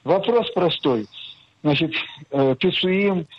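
A man's voice: high voice, expressive, slow pace, no room sound. A man in his sixties calling a radio show with a question, hesitant and full of fillers. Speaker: caller. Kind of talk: call-in question. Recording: muffled phone line.

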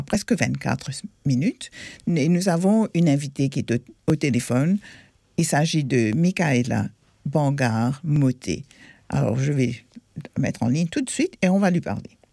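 Gravelly community-radio host, brisk interviewer. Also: medium pitch, warm tone, dry recording, clean studio sound. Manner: brisk, switches between announcing and questioning.

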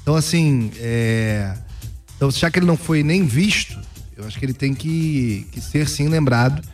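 A man's voice: mid-range voice, moderate pace, a little mellow, distant mic, faint music behind. A man commentating on football in a radio sports debate, blunt and emphatic.

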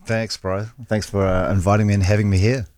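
A middle-aged man with a New Zealand accent speaks in a lowish, darkish voice with little pitch movement and a brisk pace. He's a guest in a radio studio interview, casually telling candid, self-deprecating stories about his life, with no echo on the sound.

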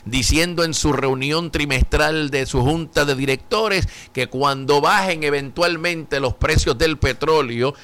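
A man's voice: on the high side, a little slow, hardly any pauses, fairly bright tone. A man hosting a radio talk show, chatting casually, laughing often and dropping in English words.

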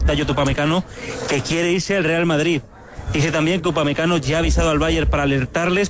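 A man delivering a breaking sports news report in a brisk, informative way. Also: on the high side. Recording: crowd noise behind. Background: crowd of people.

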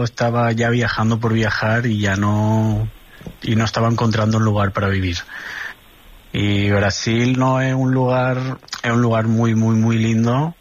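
A man from Barcelona with a lowish voice tells his stories easily, often restarting a thought. The sound is dull and muffled, like a radio broadcast. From Barcelona, Spain. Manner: relaxed storytelling with restarts. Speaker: guest, nurse and traveler. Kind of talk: casual radio interview.

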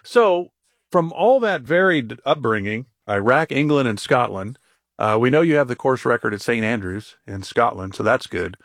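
A man hosting a radio talk show, asking his guest upbeat rapid questions and reading out a phone number. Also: mid-range voice, expressive, fairly bright tone, no echo, studio quality.

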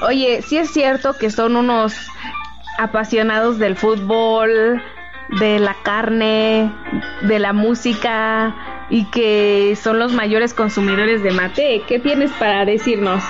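Woman, interview host, friendly, jokey, quick affirmations, slightly higher voice, faint music behind. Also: steady tone, lo-fi sound. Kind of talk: casual interview talk.

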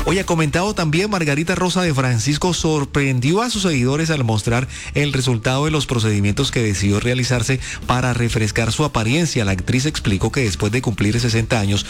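A man hosts a radio countdown from the studio, chatty and upbeat. He talks to his audience as if he is chatting with friends. A song plays clearly underneath him the whole time. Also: mid-range voice, fairly quick, hardly any pauses. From Colombia. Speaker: radio host. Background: music.

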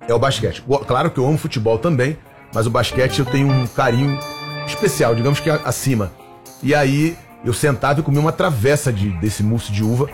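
A male guest on a talk show, relaxed and chatty as he tells stories. He talks quickly at a mid pitch, with faint music underneath. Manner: easygoing, storytelling. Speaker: guest singer. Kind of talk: relaxed interview answers.

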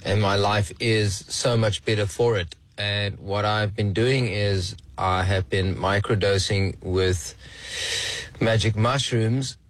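Slow man in his forties on a played voice note. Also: on the low side, steady tone. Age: 40s. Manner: slow and halting, with many pauses and ums. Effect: recorded voice note played on air. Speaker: listener sending a voice note. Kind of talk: casual personal testimony.

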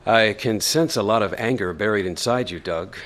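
Calm male counselor played by a man, lowish voice, measured, firm, instructive radio drama delivery. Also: close to an everyday voice. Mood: firm, concerned.

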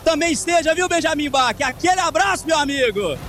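A man with a Brazilian accent reporting live from a crowded outdoor bar area, hurried and upbeat. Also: very high-pitched, animated, fairly bright tone. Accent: Brazilian Portuguese. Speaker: field reporter.

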